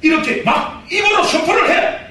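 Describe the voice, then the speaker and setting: A man, a pastor, preaching a sermon with emphatic exhortation that swings between loud commands and quiet asides. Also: very high-pitched, moderate pace, far from the mic. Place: church sanctuary. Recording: echoey hall, voice heard from afar, faint noise.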